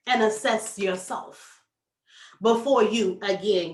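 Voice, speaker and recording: A woman success coach giving a motivational talk, animated and folksy, addressing the audience directly. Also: mid-range voice, far from the mic. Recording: echoey room, voice from off mic.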